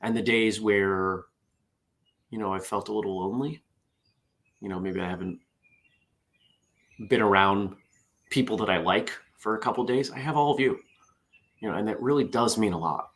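A man's voice: lowish voice, normal speed, long pauses. A middle-aged man hosts a casual morning show, chatty and self-deprecating as he reads out corny puns. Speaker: host. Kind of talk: casual morning show chat, reading jokes.

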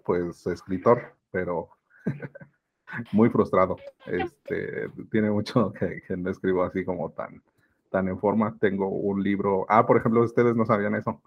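Mexican guest, gravelly low voice, reflective and halting, dull lo-fi sound. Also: male voice, steady tone. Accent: Mexican Spanish. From Mexico City. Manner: reflective, hesitant with fillers. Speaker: podcast guest, business mentor. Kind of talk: casual conversation.

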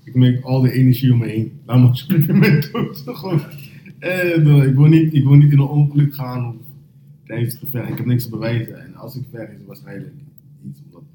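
A young man hosting a casual podcast chat, animated and slang-heavy, laughing often as he tells stories. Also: mid-range voice, a little fast. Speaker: podcast host. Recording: roomy echo, faint noise.

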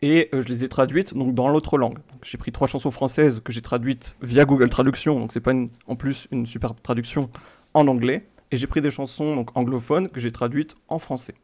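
A man's voice: medium pitch, brisk. Chatty quiz host man. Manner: chatty, repeats himself, reads lyrics flatly. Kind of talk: casual game show hosting with friends.

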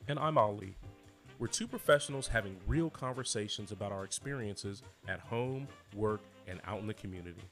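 A man co-hosting a podcast, talking in a relaxed, conversational way. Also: lowish voice, fairly quick, soft background music. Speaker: podcast co-host.

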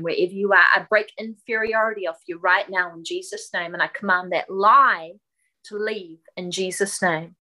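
A woman leading a deliverance prayer, speaking in forceful, repetitive commands. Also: mid-range voice, low-quality recording.

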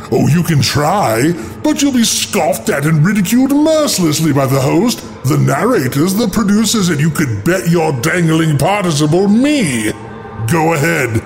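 A man's voice: a little high, reverberant, long reverb tail. Taunting theatrical horror host, man. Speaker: host, the librarian.

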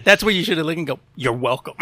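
A man's voice: fairly high pitch, racing, sharp tone, no echo. A man co-hosting a podcast, cracking jokes and riffing on his friend's story. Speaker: podcast co-host. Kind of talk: casual chat, joking.

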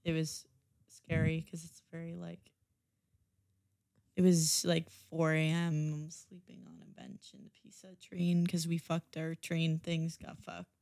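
A woman's voice: deep voice, a little slow, creaky, darkish tone, dry recording, studio quality. A woman guest on a podcast telling a story in casual chat, swearing freely.

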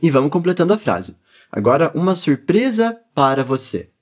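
A man with a Brazilian Portuguese accent teaches pronunciation in a lively, animated voice that swings up and down. He encourages the listener and says each word slowly for them to repeat. His voice sits a little high for a man. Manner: encouraging, models words slowly for repetition. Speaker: language teacher. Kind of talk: pronunciation lesson.

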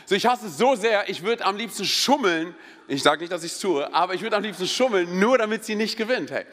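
A man in his thirties preaching a sermon in a church, energetic and joking, telling personal stories with many interjections. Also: sits high, fairly quick, slight background noise. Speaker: pastor. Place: church hall. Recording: long hall reverb.

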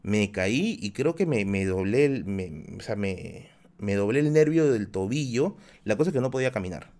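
A livestreamer with a Peruvian Spanish accent tells a story on a live stream, casual, slangy and self-mocking. His lowish, slightly mellow voice is animated and moves at normal speed.

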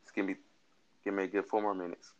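A man's voice: low voice, level tone, fast, dull audio. A tired young man co-hosting a casual late-night chat, laid-back and hedging as he talks. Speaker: co-host.

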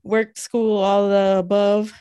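A woman's voice: mid-range voice, level tone, takes it slowly, warm tone, clean tone, no room sound, dull audio. A woman co-hosting a podcast in casual chat, a little congested from a cold, bubbly and laughing often. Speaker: podcast co-host. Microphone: remote call.

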